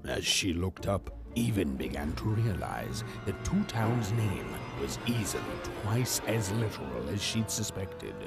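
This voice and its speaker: An actor playing a storybook narrator in a video game, reading scripted narration. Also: male voice, sits low, very animated, a little slow, creaky, hardly any pauses, exaggerated voice. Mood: wry, measured. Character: storybook narrator of a dark fairy-tale game. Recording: loud game music behind the voice.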